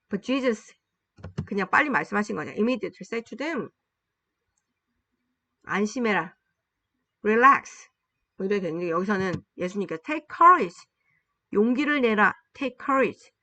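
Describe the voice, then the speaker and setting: In this Bible-based English class, a female teacher gives explanations in Korean, then reads English sentences at a slow, deliberate pace and repeats phrases for students to copy. She speaks in a mid-range voice with a sharp tone, and there's no room sound.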